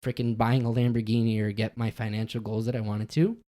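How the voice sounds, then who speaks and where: A man's voice: on the low side, little pitch movement, fairly quick, dark tone. Laid-back slangy male podcast host. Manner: laid-back, slangy, rambling with many fillers. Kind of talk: casual chat.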